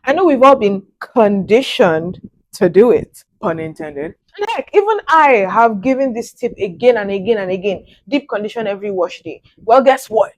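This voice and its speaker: A young woman hosting a casual hair-care vlog, talking to camera in a sassy, animated way with big jumps in pitch. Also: normal speed, poor audio. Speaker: natural hair vlogger.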